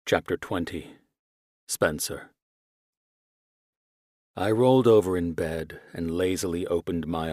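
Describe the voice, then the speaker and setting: Man, audiobook narrator, very deep voice, dry booth sound, unhurried. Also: no room sound. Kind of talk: scripted romance narration.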